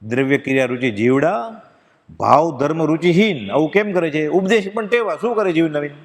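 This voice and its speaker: A man giving a devotional discourse to a gathering, telling stories with feeling and reciting verses slowly. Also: fairly high pitch, lively intonation. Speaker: spiritual discourse speaker. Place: pilgrimage satsang gathering. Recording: long hall reverb.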